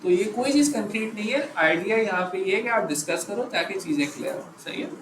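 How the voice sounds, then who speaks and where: High-voiced male instructor in echoey classroom. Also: expressive. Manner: quizzes students, keeps asking "right?"; slows down to stress key phrases. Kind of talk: live classroom lecture. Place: classroom with students. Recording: echoey room, background noise.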